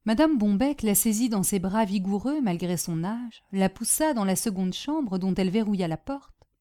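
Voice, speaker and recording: A woman reading a classic story aloud in measured, even narration. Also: mid-range voice.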